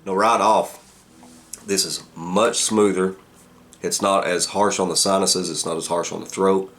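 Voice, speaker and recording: A man giving a casual product review, halting as he thinks aloud. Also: deep voice, fairly even intonation, gravelly, a bit bright. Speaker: pipe tobacco reviewer.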